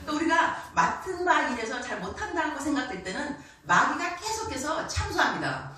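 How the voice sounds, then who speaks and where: A middle-aged woman missionary preaching a sermon, animated and often laughing as she acts out the voices she quotes. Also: high voice, a little fast. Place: church sanctuary. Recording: echoey church hall, distant mic, faint noise.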